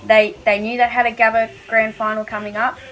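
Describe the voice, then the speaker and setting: A woman's voice: fairly high pitch, flat delivery, a little fast, muffled recording, soft background music. Australian woman chatting through sports analysis. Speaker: podcast co-host. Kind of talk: casual sports analysis chat.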